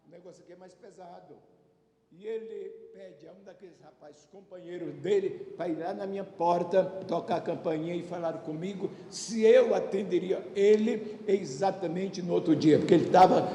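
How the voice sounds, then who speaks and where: High-voiced pastor preaching in echoey church. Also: male voice, dark tone. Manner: storytelling, acting out quoted dialogue, then slow emphatic preaching. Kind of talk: Pentecostal sermon with testimony. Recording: reverberant church hall with faint rumble.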